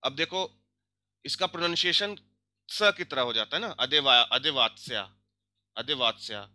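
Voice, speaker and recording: A young man teaching a grammar lesson, explaining step by step, checking in often and drilling example words slowly. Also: fairly high pitch, animated, bright, forceful tone, dry recording. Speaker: language teacher.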